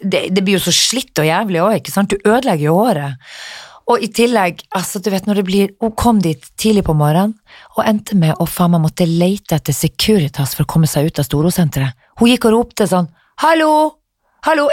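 A woman telling a story in casual chat, animated, acting out the people she quotes and swearing freely. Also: lowish voice, no echo, studio quality.

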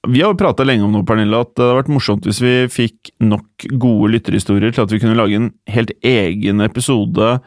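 A man's voice: on the low side, steady tone, hardly any pauses, no echo, clean studio sound. A man co-hosting a podcast, chatting casually and hesitantly, with frequent fillers. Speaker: podcast co-host. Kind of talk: casual chat.

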